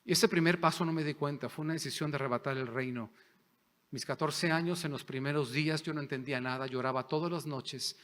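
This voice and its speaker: A man preaching a sermon as pastor, impassioned, swinging between loud declarations and hushed, near-whispered prayer. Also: fairly high pitch, a little fast. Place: church sanctuary. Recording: long hall reverb.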